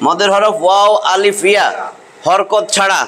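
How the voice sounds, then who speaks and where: A man's voice: sits high, level tone, normal speed, fairly bright tone. A man teaching a Quran recitation class, patiently repeating each rule with drilled examples. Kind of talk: classroom tajweed lesson.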